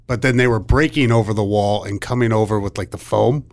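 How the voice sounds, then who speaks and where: A man's voice: on the low side, a little fast, no room sound, studio quality. A man hosting a casual chat, teasing his co-host and repeating himself as he talks. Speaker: podcast host.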